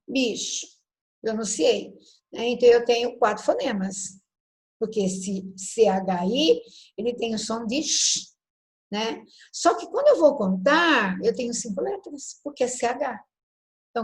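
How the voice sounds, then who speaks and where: A woman teaches a class in a slightly high voice. She is patient and didactic, tags her sentences with quick questions to the class, and slows down to spell out letters. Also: a little mellow, rough recording. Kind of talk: classroom lecture on phonology.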